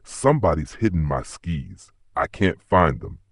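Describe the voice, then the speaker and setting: A man reads a young killer whose madness shows through a calm, gloating tone. The voice is low and husky, with dry, close sound. This is an audiobook mystery. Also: measured pace, no echo, heavily acted.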